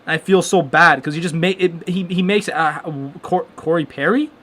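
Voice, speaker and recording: A young man hosting a live hockey watchalong, reacting casually and excitedly with lots of restarts and stunned exclamations. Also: a little high, normal speed. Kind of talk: casual live game commentary.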